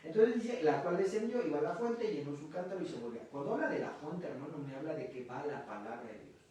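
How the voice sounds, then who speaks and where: Guy preaching in church, kinda high voice, very echoey and far from the mic, keeps tossing in "verdad?". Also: lively intonation, fast talker, dark tone, slight background noise. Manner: conversational preaching with frequent "¿verdad?" and repeated filler words. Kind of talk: sermon. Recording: very echoey room from a distance.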